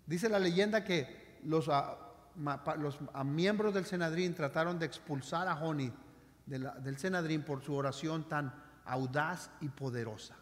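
High-voiced pastor preaching. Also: male voice, measured pace, in a large hall. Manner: animated preaching with dramatic swings in loudness. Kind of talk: sermon. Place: church sanctuary.

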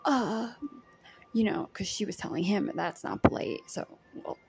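A woman's voice: medium pitch, measured pace, over loud music. A young woman chatting casually in a storytime diary vlog, giggly and often half-whispering, with lots of likes and ums. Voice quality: breathy, with vocal fry. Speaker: vlogger recounting a day as a background extra.

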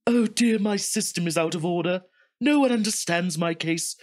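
A woman's voice: fairly low pitch, normal speed, close to an everyday voice. A woman voicing a self-pitying male engine in a storybook, moaning and complaining. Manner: whiny, complaining.

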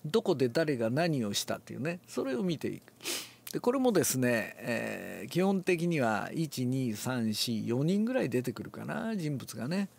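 Gravelly older man explaining a classical text. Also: medium pitch, normal speed. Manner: relaxed, talks to himself, demonstrates accents aloud. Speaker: reading teacher. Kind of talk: explaining a classical text before reading aloud.

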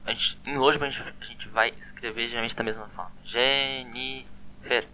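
A man's voice: medium pitch, fairly even intonation, quick pace, bright, forceful tone, a little hiss or hum. A man giving a casual online language lesson, chatty and often repeating words with a questioning "né?". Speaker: language teacher.

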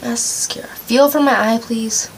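A woman's voice: on the high side, steady tone, unhurried, slight background noise, low-quality recording. A woman vlogging in casual chat, joking sarcastically with lots of filler yeahs.

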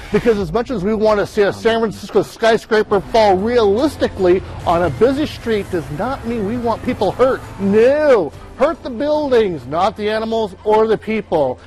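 A man's voice: high voice, expressive, moderate pace, a little mellow, low-quality recording. A man reviewing movies as a film critic on a TV news segment, chatty and wry. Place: TV news studio.

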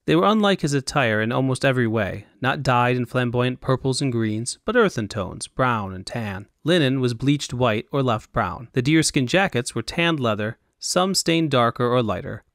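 A man narrating his own fantasy audiobook in a steady, even storytelling voice. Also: medium pitch, moderate pace, hardly any pauses, dry recording, studio quality. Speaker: narrator and author.

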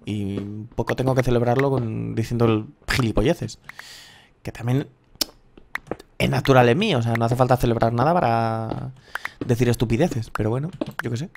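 A man in his thirties with a Castilian Spanish accent, swearing freely and rambling excitedly as he comments on his own gameplay. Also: medium pitch, normal speed, creaky, background noise. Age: 30s. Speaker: gaming youtuber.

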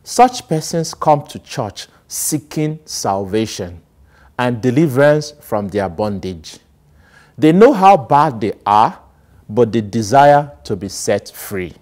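Middle-aged priest preaching slow, loud bits then quiet bits, lapel mic. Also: male voice. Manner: animated, sweeping gestures, swings between loud emphasis and low asides. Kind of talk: homily. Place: small studio set with plants, indoors.

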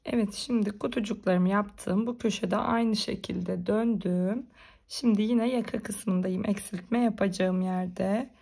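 Hoarse, gravelly woman giving a tutorial. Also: mid-range voice, steady tone, takes it slowly, warm tone. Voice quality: gravelly, cracking. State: hoarse, strained voice from being unwell. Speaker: crochet tutorial host. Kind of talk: step-by-step craft tutorial, informal narration.

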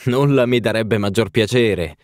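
A man's voice: lowish voice, darkish tone, no room sound, studio quality, lightly acted. A man doing a ceremonious little palmist. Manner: measured, ceremonious pronouncements. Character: fussy little male palm reader, ceremonious and smooth. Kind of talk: audiobook reading.

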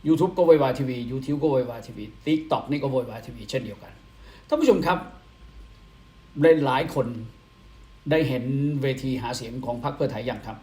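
A man's voice: medium pitch, expressive, normal speed, a little mellow, echoey room. A man hosting an online political commentary show, talking to viewers in a rhetorical style and answering his own questions. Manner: rhetorical, asks questions and answers them himself.

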